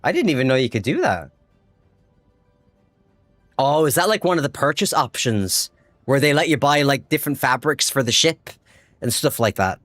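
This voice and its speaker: An Irish man chatting casually while livestreaming a game, excitable and swearing freely as he talks to his chat. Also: mid-range voice, normal speed, pauses often, dry recording, faint music behind. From Ireland. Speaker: livestream gamer. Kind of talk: casual live gameplay chat.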